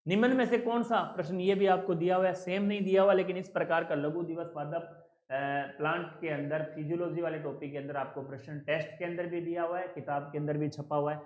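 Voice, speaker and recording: A man's voice: fairly high pitch, fairly even intonation, a little fast, darkish tone, echoey room, highs cut off. A male coaching teacher explaining an exam answer key, asking questions and answering them himself. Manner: asks and answers own questions, repetitive drilling.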